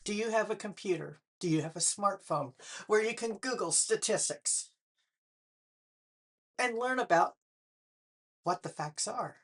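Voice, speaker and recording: A woman's voice: medium pitch, measured pace, pauses often, breathy edge. An older woman speaking straight to her viewers, firing pointed rhetorical questions with a sarcastic edge. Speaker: political vlogger. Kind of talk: direct-to-camera commentary.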